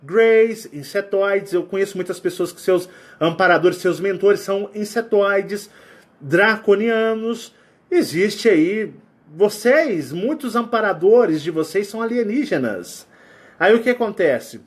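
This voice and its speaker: A man with a Brazilian Portuguese accent leads a casual spiritual talk in a high-pitched voice. His delivery swings widely, acting out sounds and voices as he explains. He is sweating as he speaks. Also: a little slow. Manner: animated, acts out sounds and quotes. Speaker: spiritual channel host.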